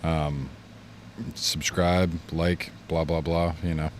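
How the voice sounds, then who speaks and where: A game streamer chats casually with viewers during a livestream, laid-back and rambling, his chest congested from a recent illness. His very deep voice has a level tone and slow pace. A fan blows near the mic, adding slight background noise.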